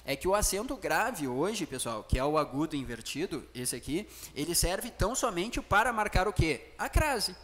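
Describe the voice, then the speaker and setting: A man teaching an exam-prep grammar lesson, animated and constantly checking in with quick tag questions. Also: fairly high pitch, big-room sound.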